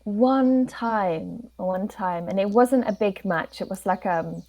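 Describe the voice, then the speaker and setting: A woman's voice: medium pitch, slow pace, warm tone, poor audio. A woman from England with an English accent, teaching English by chatting and asking follow-up questions. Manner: friendly, asks follow-up questions. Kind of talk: casual conversation lesson.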